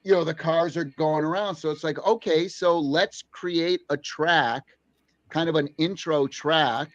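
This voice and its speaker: Brief: male, a little high, halting earnest salesman talk, dull lo-fi sound with little room. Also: fairly even intonation, no echo. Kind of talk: casual persuasive pitch in conversation. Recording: dull, dry, lo-fi played-back audio.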